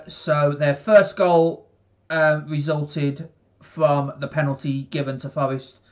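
A young Englishman with a fairly high voice commentates casually on a football match for a live stream. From his small bedroom, on a headset, he rambles with many fillers and talks to viewers in the chat.

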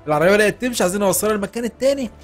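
A man with an Egyptian Arabic accent hosting a gaming channel and giving excitable, joking let's-play commentary while laughing often. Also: high voice, very fast, faint music behind.

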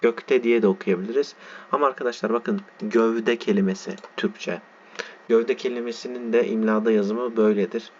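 Male teacher, slightly low voice, slow patient delivery that spells out letters, lo-fi recording. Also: steady tone, darkish tone. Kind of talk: reading and explaining a text. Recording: dull lo-fi sound with faint background noise.

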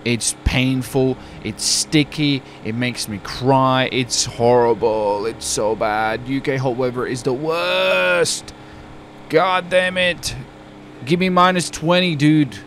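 A man's voice: medium pitch, slow pace, a bit bright, slight background noise. A young man from the UK chatting casually while roleplaying in a driving game, rambling and saying "dude" a lot. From United Kingdom. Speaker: roleplay streamer.

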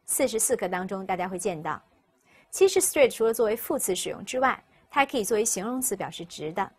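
A woman teacher, explaining English vocabulary step by step and repeating each word slowly for students. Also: mid-range voice, expressive, husky. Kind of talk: recorded vocabulary lesson.

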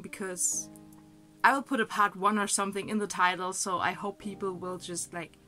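Sounding a bit unwell, a young woman chats to camera from her small bedroom and narrates over food footage. Her mid-range voice is pushed and bright, and her talk is hesitant, with lots of fillers.

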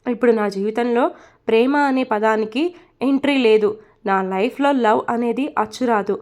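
A woman playing a young wife, lonely, tearful, soft and confiding, storybook reading. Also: a little high, moderate pace, natural voice.

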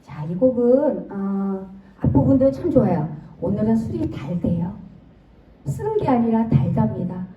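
A woman's voice: mid-range voice, very animated, a little slow, roomy sound, distant mic, narrow, tinny audio, a little hiss or hum. A woman teaching a song class, singing short phrases, counting in and patiently correcting how they are sung. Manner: patient, demonstrating lines then correcting them. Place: senior welfare center class video.

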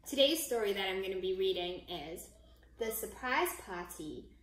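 A woman's voice: medium pitch, lively intonation, moderate pace. A woman reading a picture book aloud to children, chatty and encouraging as she invites them to get comfy. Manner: warm, chatty and encouraging to young listeners. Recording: echoey room.

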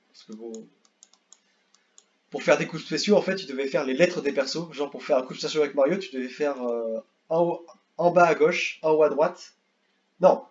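A young man casually ranking video games, rambling and repeating himself, with excitable bursts. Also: fairly high pitch, muffled recording. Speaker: gaming youtuber. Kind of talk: casual tier-list commentary.

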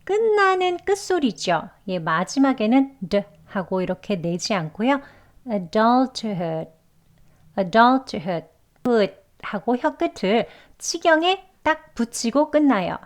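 A woman's voice: a little high, big pitch swings, unhurried, hardly any pauses. A woman teaching English pronunciation, carefully repeating words and example sentences syllable by syllable. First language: Korean. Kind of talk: pronunciation lesson.

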